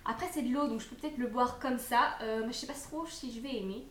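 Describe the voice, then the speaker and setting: High-voiced woman unboxing food, echoey room. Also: fairly quick, a little hiss or hum. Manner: chatty, hesitant with many fillers. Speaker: unboxing vlogger. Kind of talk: casual product review.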